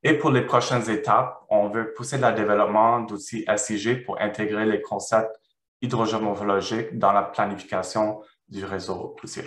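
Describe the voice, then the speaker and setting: A man with a foreign accent, a non-native French speaker, presenting research and answering questions haltingly as he searches for words. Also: fairly low pitch, flat delivery, fairly bright tone. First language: not French. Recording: roomy, echoing sound.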